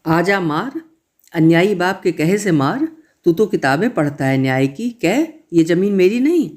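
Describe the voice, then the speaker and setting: A defiant village woman hurls challenges at her in-laws in a storybook reading, acted out by a man. The voice sits raised and mellow, fierce but not harsh. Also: high voice, lively intonation, measured pace, pitched above the performer's own voice.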